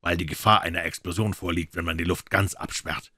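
A man's voice: sits low, fairly even intonation, fairly quick, pushed and bright, dry recording, studio quality. A man voicing a suave, amiable and mocking male detective in a crime audiobook. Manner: smooth, amiable, ironic.

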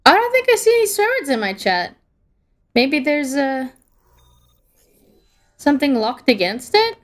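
A woman's voice: high voice, sing-song, a little slow. A young woman streaming a game, chatting casually and giggling as she reacts to the match and her chat.

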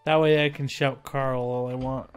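A man streaming a game live, reacting loudly, swearing often and mocking himself as he plays. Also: medium pitch, moderate pace, clear, resonant tone, faint music behind. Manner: excitable, swears a lot, mocks himself. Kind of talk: live gameplay commentary.

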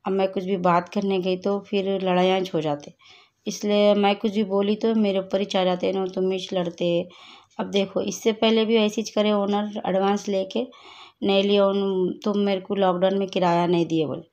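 A woman's voice: medium pitch, level tone, normal speed, darkish tone. A woman vlogger chatting casually to her viewers, recounting her troubles with a landlord and sounding worried. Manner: chatty, retelling quarrels with quoted lines; worried, complaining tone. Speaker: family vlogger. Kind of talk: casual vlog chat. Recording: slightly dull, lo-fi sound.

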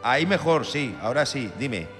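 A casual, impatient God heard from far away through a connection that keeps cutting out. The voice is bright and lively, rising and falling a lot as he brushes things off. Faint music plays underneath. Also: medium pitch, moderate pace. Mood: offhand. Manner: offhand, impatient, colloquial. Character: God as a casual, offhand voice on a bad line. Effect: distant voice over a patchy, breaking-up connection. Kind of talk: comedy sketch acting.

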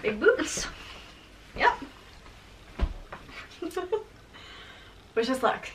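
A young woman chatting with a friend, giggly and excited. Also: sits high, drawn-out words, recorded from a distance, a little hiss or hum. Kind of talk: casual chat with a friend.

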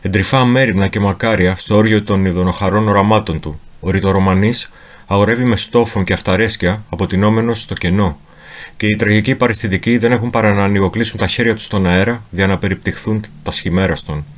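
A man with a somewhat low voice reads a memoir aloud in a dramatic literary reading. His delivery is solemn and theatrical, and he even voices the sounds of thunder himself. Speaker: reader of a memoir.

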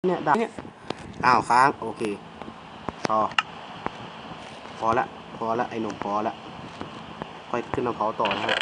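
A young man streams a phone game from his home game-casting room, commentating casually with crude jokes aimed at himself and his viewers while turned away from the mic. His voice is medium-pitched and level, a little slow, broken by frequent pauses, and the recording is very noisy.

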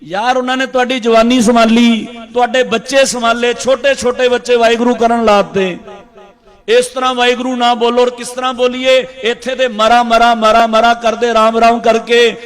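A man's voice: extremely high pitch, flat delivery, moderate pace, few pauses, clean tone. A man giving an impassioned religious speech, fervent and repetitive, rising to emphatic peaks. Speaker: Sikh preacher.

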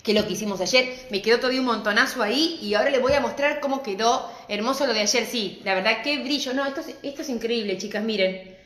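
A middle-aged woman with an Argentine accent, teaching a live-stream craft class and greeting viewers warmly and chattily. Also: fairly high pitch, fast talker. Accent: Argentine Spanish. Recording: echoey room.

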